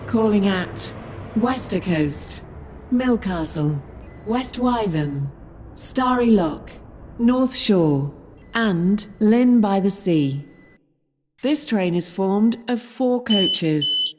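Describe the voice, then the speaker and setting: A woman's recorded platform announcement, assembled from separate spliced-together words that sit unevenly in pitch and loudness. She is heard at a crawling pace through a station speaker with a long, echoing tail. A faint hum of noise hangs behind her. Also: lively intonation. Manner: stilted, slow, jumps in pitch and loudness between words. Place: railway platform in a video game. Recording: reverberant station loudspeaker.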